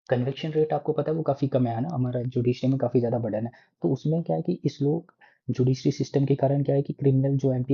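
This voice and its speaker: A man's voice: mid-range voice, breathy edge, dull audio. A man teaching an exam prep lesson in a casual explanatory way, often tagging sentences with "na" and restarting words. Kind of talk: explanatory lecture.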